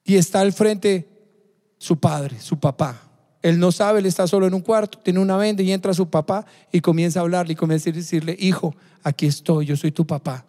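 A man preaches in a fairly high yet mellow voice, hammering his points home by repeating phrases. His sermon rings out with a long hall reverb around it. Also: a little fast. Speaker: pastor.

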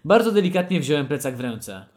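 A man's voice: fairly high pitch, sing-song, fairly quick, a little mellow. A young man hosting a podcast, reading a fan story aloud with playful, mock-dramatic quotes and frequent laughter. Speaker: podcast host.

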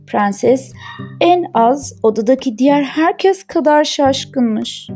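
A woman reads a fairy tale aloud in a slow, deliberate narrating voice. Her tone is mellow and somewhat high, with faint guitar music under her. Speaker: storyteller. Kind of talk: storybook narration.

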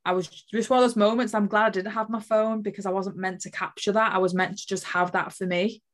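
A woman's voice: medium pitch, steady tone, a little fast. A woman earnestly telling a personal spiritual story as an interview guest, emotional and full of fillers.

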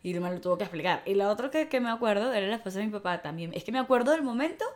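A woman's voice: medium pitch, racing. A woman co-hosting a podcast in casual chat, telling stories and acting out quoted voices. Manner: animated storytelling, acts out quoted voices. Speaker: podcast co-host.

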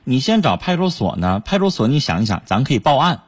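A man hosting a radio call-in show, reading out contact details and calmly giving callers advice. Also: mid-range voice, fast talker, dry recording. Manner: steady, instructive, gives advice.

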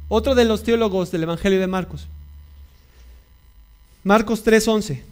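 A man's voice: high voice, a little slow, darkish tone, clear, resonant tone. A male pastor preaching a sermon, repeating key phrases and putting questions to his congregation.

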